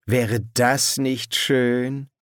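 Man playing a sardonic soldier, low and dry, slow, close mic. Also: level tone, no echo. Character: sardonic, cool young soldier speaking low.

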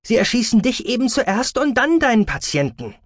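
A man's voice: very high voice, sing-song, moderate pace, no echo, clean studio sound, pitched above the performer's own voice, exaggerated voice. A man voicing a young woman, the surgeon's sensible daughter, who pleads with her father. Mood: pleading. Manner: pleading, reasoning.

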